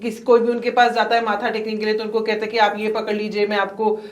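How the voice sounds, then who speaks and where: A woman's voice: mid-range voice, monotone, quick pace, roomy sound. A woman hosting an interview who asks curious questions and often affirms her guest. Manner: inquisitive, with frequent affirming backchannels. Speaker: interviewer host.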